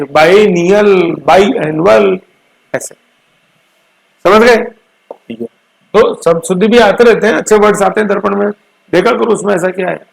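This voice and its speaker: A man's voice: high-pitched, gravelly, rough recording. Man teaching an exam coaching class. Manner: drawls words out slowly to drill pronunciation and spelling; mixes English terms into explanations. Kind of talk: current affairs exam coaching lecture.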